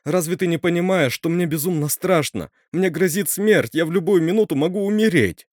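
A man voicing a frightened teenage girl who turns shrill and high-strung when upset, in a read-aloud horror story. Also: animated, a little fast, darkish tone, no room sound, clean studio sound, natural voice. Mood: scared.

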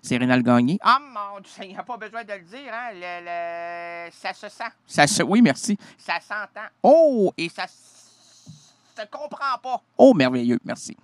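Goofy nasal radio host, high voice. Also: male voice, big pitch swings, a little slow, clear, resonant tone, no echo. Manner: playful, rambling and goofy. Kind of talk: comic radio banter.

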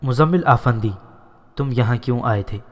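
A man's voice: medium pitch, lightly acted. A man voicing a stern male official who coldly repeats his questions to a captive. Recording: long reverberant echo.

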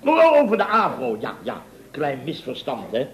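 A pompous, boastful boss of a building firm in a 1960s radio comedy. He rambles through his stories with a lively, swooping delivery, his voice set a little high. The old studio recording sounds roomy. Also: moderate pace. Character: pompous boastful middle-aged male contractor boss.

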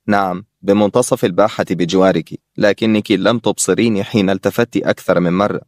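A calm young teacher with a deep, hushed, even delivery, as a male reader puts him on. He sounds patient and sure of himself, recorded dry and close with no room sound. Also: brisk, dry recording, close to an everyday voice.

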